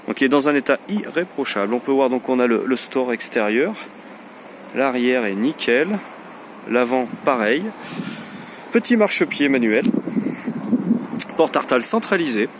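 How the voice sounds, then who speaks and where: A man presenting a motorhome for sale, briskly listing its features in a casual walkthrough recorded on a handheld camera inside the vehicle. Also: mid-range voice, background noise. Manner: brisk, matter-of-fact listing. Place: inside a motorhome on a dealer lot.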